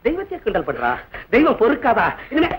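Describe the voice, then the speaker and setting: High, swooping, bullying husband who mocks and shouts, heard on a hissy old film track. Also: male voice, wildly swooping pitch, full character voice. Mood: mocking. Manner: mocking, shouting, quick switches of tone. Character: blustering jealous husband, mocking and quarrelsome. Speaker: hot-tempered husband in a film comedy. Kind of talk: 1960s Tamil film acting.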